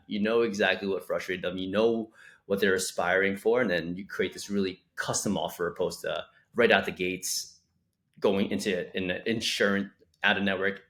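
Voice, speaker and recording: Low-voiced man in casual podcast chat. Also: fairly bright tone. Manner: rambling, acts out caller quotes in a higher voice. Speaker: podcast co-host, physical therapy coach.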